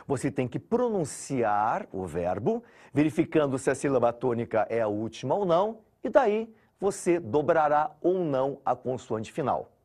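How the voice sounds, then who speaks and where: A man's voice: medium pitch, breathy edge. A man with a Brazilian Portuguese accent teaching an exam-prep English grammar lesson, explaining step by step and speaking straight to his students. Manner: lively, explains step by step and addresses students directly.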